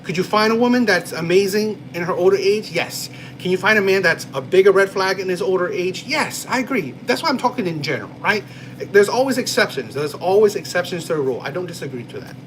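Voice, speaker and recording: Male live-stream host from New Jersey, loose rambling chatter, slightly high voice, audible air-conditioner hum. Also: expressive, fast talker, fairly bright tone, low-quality recording. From New Jersey, USA. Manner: rambling, frequent "right?" and "you know". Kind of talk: casual live-stream chat.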